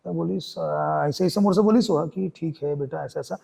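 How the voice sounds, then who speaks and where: A man's voice: high-pitched, brisk, creaky, mellow, slightly rough. A young man from Chhattisgarh with a Chhattisgarhi Hindi accent, a theatre artist telling his story in a podcast interview and acting out the voices of the people in it.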